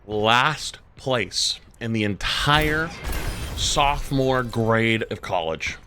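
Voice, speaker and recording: A young man chats casually over his gameplay stream and tells a long story. He swears freely and leans on fillers. He gets animated when he complains. A faint hiss and game sounds sit behind his voice. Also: medium pitch, extremely slow. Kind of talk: casual chat while gaming.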